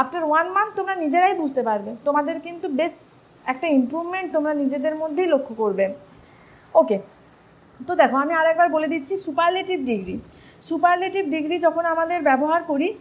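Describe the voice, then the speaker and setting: A woman with a Bengali accent teaching English grammar in an exam-prep lesson, explaining step by step and asking her students questions before answering them. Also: sits high. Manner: addresses students directly, urging daily practice.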